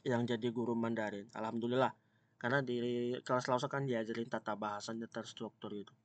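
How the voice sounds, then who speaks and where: A man's voice: medium pitch, flat delivery. A man teaching a Mandarin grammar class online, stretching out example sentences and chatting with his students, with an itchy throat. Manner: slow, drawn-out modelling of example sentences.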